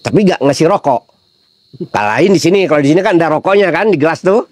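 A middle-aged man with a fairly high, expressive voice preaches a casual sermon at a fast clip. He keeps it chatty and humorous, trading funny anecdotes and rhetorical questions with his listeners. There is no room sound.

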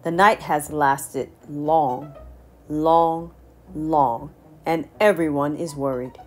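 A woman voicing a male lion king who speaks loudly with authority. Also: fairly low pitch, animated, normal speed, soft background music. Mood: stern. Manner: loud, authoritative.

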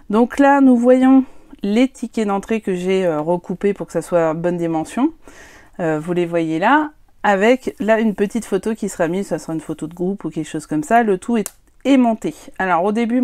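A woman's voice: mid-range voice, dark tone, no echo. A woman presenting her handmade scrapbook albums in a casual, hesitant way, with many fillers and some self-deprecating remarks. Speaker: scrapbooking vlogger. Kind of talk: casual show-and-tell of crafts.

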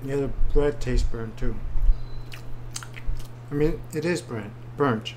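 Male, 30s, mid-pitched, casual matter-of-fact food chat between bites, faint background noise. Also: slow pace, a little mellow, poor audio. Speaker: mukbang vlogger. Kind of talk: casual food review while eating. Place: small room indoors.

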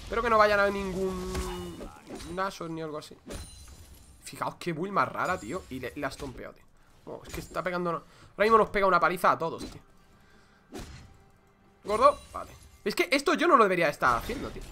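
Excitable young gamer, high voice. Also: male voice, a little fast, pauses often, faint music behind. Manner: excitable, swears, says "tío" constantly. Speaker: gaming streamer. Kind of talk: casual gameplay commentary.

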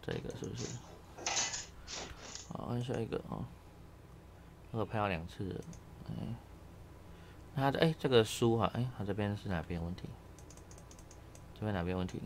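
A man's voice: fairly low pitch, moderate pace, vocal fry, long pauses, a little hiss or hum. A man teaching Japanese grammar one-on-one, casually checking understanding with tag questions.

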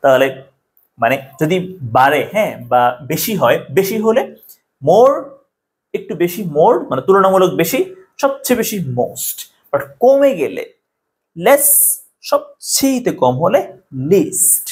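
A male language teacher walks through the lesson step by step, pausing often to check in with the viewer. His voice sits fairly high for a man, and his pitch swings widely from word to word. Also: sing-song. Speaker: spoken English teacher. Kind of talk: Bengali-language grammar lesson.

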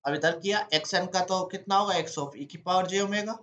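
Man explaining step by step, high voice. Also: moderate pace, a bit bright, reverberant, dull audio. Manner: asks himself questions and answers them step by step. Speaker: teacher. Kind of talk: exam-prep lecture.

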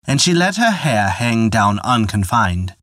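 A man narrating a folktale in a measured, expressive storytelling manner on a close mic. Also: lowish voice, no room sound.

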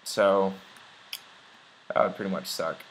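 A man's voice: deep voice, fairly even intonation, takes it slowly, slight background noise, rough recording. A young man chatting casually while playing a video game, rambling along with lots of ums and uhs. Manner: rambling, chatty, many fillers. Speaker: let's play gamer. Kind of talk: casual gameplay commentary.

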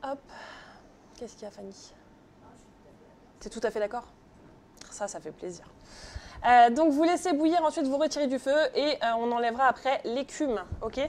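A woman's voice: fairly high pitch, normal speed, pauses often, darkish tone, a little hiss or hum. A woman teaching a live pastry class in a kitchen, chatty and joking with viewers, often checking in with "ok?". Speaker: pastry instructor. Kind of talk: live online baking class.

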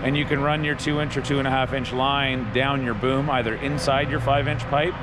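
A man's voice: mid-range voice, steady tone, brisk. A man in his forties at a trade show, plainly walking through how a machine works, recorded on a handheld camera in a large indoor hall. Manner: plain explanatory, matter-of-fact. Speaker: equipment company representative. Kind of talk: trade show product walkthrough. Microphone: camera held by interviewer. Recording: loud hall background noise. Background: loud expo hall hum.

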